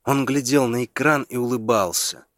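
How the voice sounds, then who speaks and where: A man narrating a story in a measured, deliberate reading style. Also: medium pitch, a bit bright, no echo, studio quality. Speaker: audiobook narrator. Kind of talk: scripted narration.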